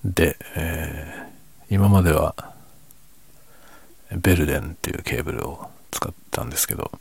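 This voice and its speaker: A man chatting casually and quietly late at night, half whispering as if others in the house are asleep. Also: extremely low pitch, normal speed, creaky, breathy edge, dry recording. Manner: speaks quietly, half whispering, so as not to wake sleeping family. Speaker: host of a late-night audio chat. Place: at home at night. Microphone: microphone without windscreen, slightly backed away.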